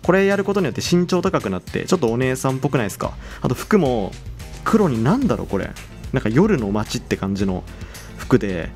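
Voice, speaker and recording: A young man talks his way through a game in a casual, chatty commentary. His pitch swings around a lot as he gets excited over each new thing, and faint background music plays beneath him. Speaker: game channel host.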